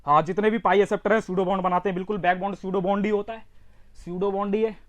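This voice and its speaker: A man's voice: high-pitched, steady tone, very fast. A male chemistry teacher giving an online exam-prep lecture with lots of energy, repeating phrases and prodding his students to answer. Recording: slightly dull lo-fi recording.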